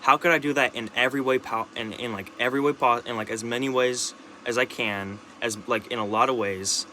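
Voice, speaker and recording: A young man talking into his camera in a rambling, halting monologue, restarting sentences and swearing often. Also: mid-range voice, steady tone, sharp tone, a little hiss or hum. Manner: rambling, halting, with many restarts, fillers and curses. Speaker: vlogger.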